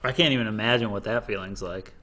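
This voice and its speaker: A man in his late twenties co-hosting a podcast, laid-back and quick to laugh, swearing casually. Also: lowish voice, sharp tone. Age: 20s.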